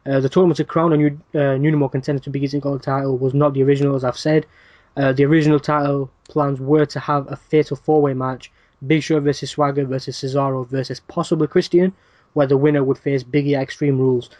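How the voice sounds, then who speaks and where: A man's voice: mid-range voice, level tone, fast, a little mellow, no room sound, muffled recording. A man hosting a wrestling podcast, reading news items in a casual rundown with dry asides and plenty of "uh" fillers.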